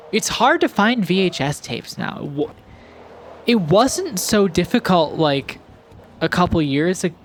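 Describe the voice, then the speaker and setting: A young man rambles through laid-back gaming commentary, drifting between thoughts with plenty of fillers. His voice sits a touch high and his pace is unhurried. A faint noise floor hums underneath. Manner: rambling, many fillers and restarts. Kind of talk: casual chill commentary over gameplay. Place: home, recorded in post.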